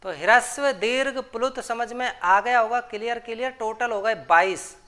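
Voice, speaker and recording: A woman's voice: fairly high pitch, moderate pace, a bit bright. A woman teaching a Sanskrit grammar lesson, patiently explaining terms and repeating each rule. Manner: patient, repeats terms and sutras, asks and answers her own questions.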